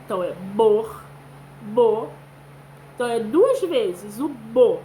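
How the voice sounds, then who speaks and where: A woman's voice: on the high side, sing-song, moderate pace, dark tone, a little hiss or hum, rough recording. A woman with a Brazilian Portuguese accent teaching young children, reading aloud and sounding out syllables patiently. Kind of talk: children's lesson with read-aloud.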